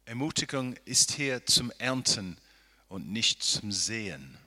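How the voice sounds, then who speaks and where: A man's voice: medium pitch, sharp tone. A man preaching a Bible-teaching sermon, often asking the listeners rhetorical questions and checking in with "ja?" as he thinks aloud. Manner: thinks aloud, with restarts and hedging.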